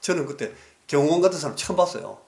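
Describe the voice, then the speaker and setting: A male pastor delivering a sermon earnestly, dropping to soft pleading and rising in stories. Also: on the high side, expressive, fast talker, creaky, reverberant. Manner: earnest preaching that drops to soft pleading, then rises in anecdotes. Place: church sanctuary.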